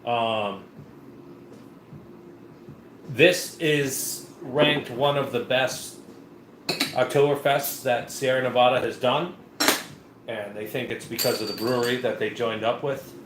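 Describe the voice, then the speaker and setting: A man co-hosting a live beer review, talking in a loose, rambling way full of fillers and restarts. His voice sits at an ordinary pitch. The room rings with echo, and a faint hiss runs underneath. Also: fairly even intonation, slow, long pauses. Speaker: beer review show co-host. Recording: echoey room with faint noise.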